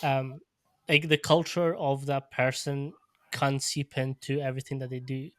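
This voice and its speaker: A man from Portugal hosting a podcast, speaking in a measured, reflective way and often restarting his phrases. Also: medium pitch, little pitch movement, no room sound, studio quality. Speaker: podcast host. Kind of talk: casual interview conversation. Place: podcast studio.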